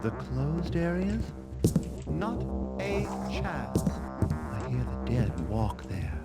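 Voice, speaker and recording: An actor playing a superstitious lowly watchman trading dark rumours in a video game. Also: sing-song, slow, loud music behind the voice. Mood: uneasy. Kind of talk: video game overheard dialogue.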